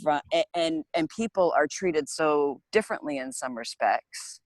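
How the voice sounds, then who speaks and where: A woman's voice: sits low, animated, normal speed, no room sound, rough recording. A woman hosting a casual group video chat, introducing a guest with enthusiastic, effusive praise. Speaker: host.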